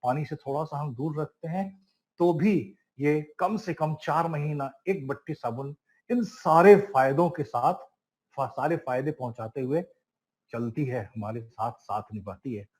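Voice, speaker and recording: Speaking emphatically, a man runs a product training class, addressing his listeners as friends, quizzing them, and stressing each item more as he lists them one after another. His voice is fairly high, dark-toned and unhurried, captured in a low-quality recording.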